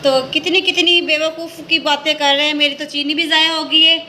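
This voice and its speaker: A high-voiced woman hosts a homemade cooking video, talking the viewer through each step in a chatty, show-and-tell way. Her tone is bright and forward, with a faint hum of room sound behind her. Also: flat delivery, fairly quick. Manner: chatty, keeps pointing things out step by step. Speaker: home cooking vlogger. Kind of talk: casual cooking demonstration.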